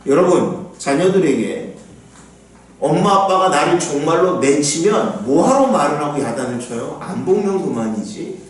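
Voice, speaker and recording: A man preaching a sermon as pastor, animated and acting out the voices he quotes. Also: on the high side, a little hiss or hum. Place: church sanctuary. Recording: echoey church hall, mic at a distance.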